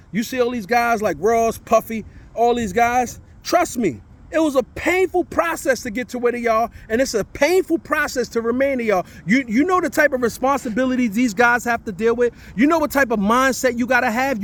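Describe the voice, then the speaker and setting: A man's voice: very high-pitched, expressive, moderate pace, hardly any pauses. A man talking casually on a walking vlog at a train station, preachy and encouraging, a little out of breath, into a phone he holds. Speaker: vlogger.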